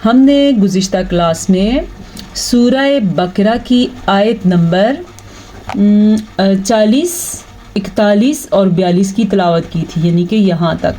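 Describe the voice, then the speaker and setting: A woman teaching Quran recitation, explaining patiently and reciting verses in a slow chant. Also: medium pitch, warm tone, rough recording. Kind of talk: online tajweed lesson.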